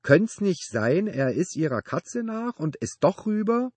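A man voicing a gruff, lonely older male neighbor with a cracked voice who talks in blunt clipped phrases and turns suspicious and menacing. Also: fairly low pitch, animated, normal speed, no echo. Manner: blunt clipped speech, calling out loudly, suspicious.

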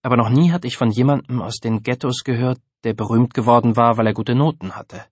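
A man reading an audiobook in the first person, with a mid-range voice and a steady, measured storytelling pace. The recording is dry and close-miked, with no room sound around it. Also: medium pitch, husky, dry recording. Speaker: audiobook narrator.

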